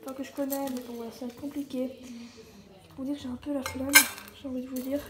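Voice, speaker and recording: Rambling hoarse woman vlogger, high voice, roomy noisy home recording. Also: little pitch movement, quick pace. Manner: rambling, chatty, slangy. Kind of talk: casual vlog chat.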